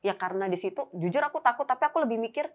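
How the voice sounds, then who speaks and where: A woman's voice: a little high, lively intonation, rapid-fire. A young woman, casually telling a story as a guest and often quoting herself and her friend. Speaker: guest telling a ghost experience. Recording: dull lo-fi recording.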